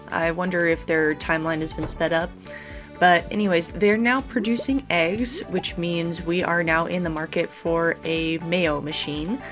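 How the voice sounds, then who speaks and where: A woman with a lowish, fairly bright voice hosts a gaming video, offering chatty, explanatory let's play commentary in a casual style. Game music plays beneath her voice throughout.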